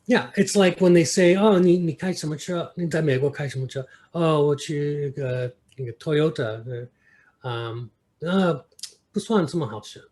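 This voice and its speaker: A man from New York, United States, with an American accent speaks casually as an interview guest. His voice is a little high with a darkish tone, and he sounds halting and thoughtful, searching for words.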